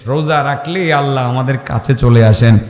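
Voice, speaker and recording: A man's voice: medium pitch, moderate pace, darkish tone. A man preaching a waz sermon, telling a story and breaking into a sung, chanting delivery at its climaxes. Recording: echoey hall with long reverb.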